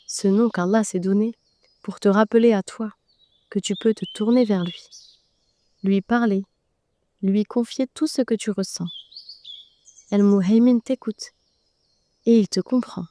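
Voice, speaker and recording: Speaking straight to the listener, a woman with a mid-range voice narrates a guided meditation slowly, softly and soothingly.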